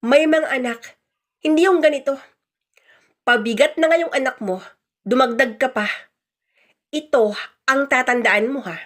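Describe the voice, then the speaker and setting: In a radio melodrama, a woman plays a blunt husband who is fed up and defiant, her voice fairly high for an adult and edged with scorn and self-justification. The radio drama dialogue moves at a measured pace with long pauses, and her tone is a bit bright.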